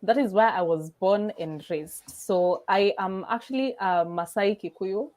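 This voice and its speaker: A woman's voice: medium pitch, a little slow, a little mellow, poor audio. A young Kenyan woman with a Kenyan accent, chatting as a guest on a video call, laughing often and slipping into Swahili. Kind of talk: casual interview chat.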